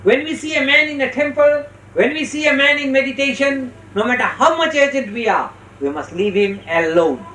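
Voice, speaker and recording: A spiritual teacher giving a religious discourse with parables, speaking instructively and slowly in short phrases with deliberate pauses. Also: high-pitched, pushed and bright. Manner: instructive, checks listeners' understanding. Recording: roomy, distant mic with faint noise.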